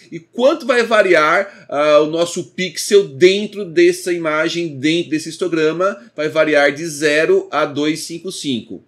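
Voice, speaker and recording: Male instructor with a slightly higher voice, steady and explanatory, walking through code. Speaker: programming instructor. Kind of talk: screencast coding lesson.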